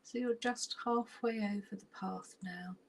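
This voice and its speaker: Unhurried and soothing, a woman takes listeners through a relaxation meditation, pausing at length between phrases. Her soft, breathy, husky voice hovers near a whisper in the mid range, with fairly even intonation and faint music underneath.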